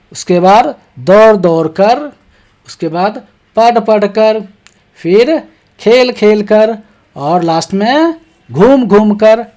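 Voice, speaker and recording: For young schoolchildren, this teacher reads out each textbook question and answers it step by step at a slow, easy pace. Regular "ठीक है" check-ins keep things moving. The voice is mid-range and a little mellow.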